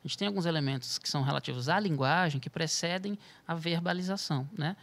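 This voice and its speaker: A man's voice: a little high, quick pace, a bit bright. A man, a music therapist and podcast guest, explains at length, restarting his phrases, adding tag questions and sometimes chanting rhythm syllables to demonstrate. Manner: thinks aloud with frequent restarts and tag questions.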